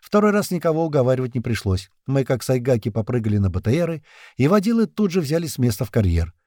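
A man narrating a first-person thriller audiobook in an expressive, tense way. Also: medium pitch, fast, no echo, clean studio sound.

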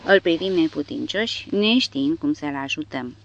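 A woman narrating an audiobook in a dramatic, expressive reading style. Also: deep voice. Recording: dull dry recording.

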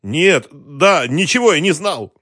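A man voicing a terrified cornered man who pleads and denies in a high, strained voice. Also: expressive, measured pace, fairly bright tone, no echo, studio quality. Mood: desperate.

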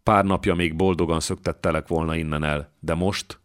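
A proud young warrior addresses nobles with polished courtesy that turns cutting and mocking. The voice sits a little above a deep male register, as a man reading a historical novel aloud plays him. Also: fairly even intonation.

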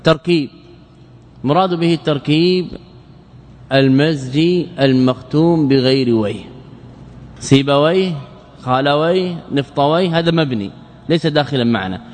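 A fairly high-voiced man lectures on grammar to a class, chanting verse lines slowly before he breaks them down with questions he answers himself. His voice rings out with a long reverb, as if it were captured in a large hall. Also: a little hiss or hum. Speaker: Islamic scholar teaching Arabic grammar.

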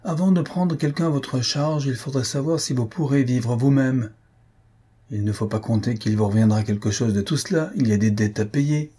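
A man's voice: mid-range voice, dark tone, husky, lightly acted. A man reading an audiobook, voicing a stern, practical middle-aged aunt who lectures bluntly, raised well above his own voice. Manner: lecturing, firm and cutting.

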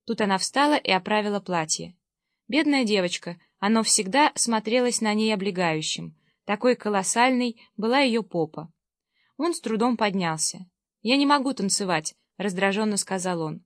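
A woman's voice: mid-range voice, animated, normal speed, no echo, clean studio sound. Woman reading a literary novel aloud. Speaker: audiobook reader. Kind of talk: literary audiobook narration.

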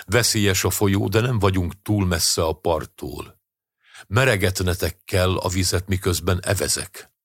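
A man reading as a calm, steady older rescuer. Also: low-pitched, no room sound, clean studio sound. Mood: urgent. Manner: calm, steady, plainly spoken. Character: strong older male rescuer, calm and resolute. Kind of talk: audiobook dialogue reading.

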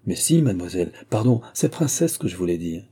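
A man reading aloud as a polite, shy young gentleman, speaking courteously. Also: low-pitched, sing-song, breathy edge, heavily acted. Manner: courteous, measured.

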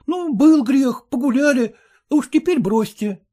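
A man's voice: very high-pitched, animated, a little slow, dark tone, voice pushed up. A man reading aloud, voicing an earnest, jealous and self-satisfied male suitor who pleads fervently. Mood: pleading.

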